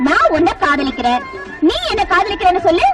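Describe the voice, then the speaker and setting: A bold young heroine, teasing and forthright, her voice very high and lively. She sounds distant on a film soundtrack, with music underneath. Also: brisk. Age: young adult. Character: bold, rich, educated young village woman. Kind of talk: Tamil film dialogue.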